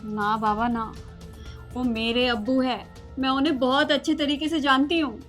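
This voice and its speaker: An actress playing a loving young wife who speaks emotionally and pleadingly. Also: female voice, sits high, fairly even intonation, moderate pace, fairly bright tone, faint music behind. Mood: wistful. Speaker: actor in a short drama. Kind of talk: Hindi short-film acting.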